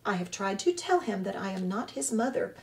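A woman reading aloud plays a gentle robot from a children's novel. She speaks evenly and formally, choosing each word with care. The voice stays calm and literal. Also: mid-range voice. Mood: polite. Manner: flat, measured, formal phrasing.

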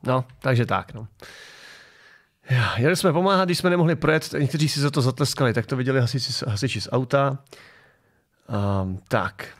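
A man hosting a political commentary show from his garage, mocking video clips in a sarcastic tone. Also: mid-range voice.

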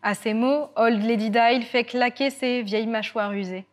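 A woman storyteller telling a folk tale with guitar accompaniment, lively and expressive with dramatic pauses. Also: on the high side. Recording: guitar music throughout.

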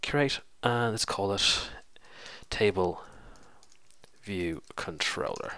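A man's voice: on the low side, lively intonation, extremely slow, sharp tone, clean tone, no echo. A man with a stuffy cold, casually walking through a coding tutorial step by step and correcting himself as he goes. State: congested with a cold. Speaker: programming tutorial host. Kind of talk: screen-recorded coding tutorial.

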